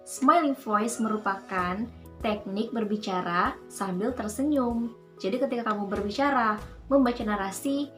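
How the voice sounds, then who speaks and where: A cheerful young woman hosting a casual tutorial on speaking technique, explaining in an upbeat voice. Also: on the high side. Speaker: voice-over coach and channel host.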